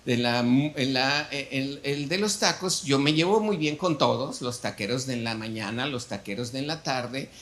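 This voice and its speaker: A man with a Mexican Spanish accent, a pastor telling an animated story in a sermon and acting out the dialogue. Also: mid-range voice, moderate pace, hardly any pauses. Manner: storytelling, animated, acts out dialogue with shifting volume.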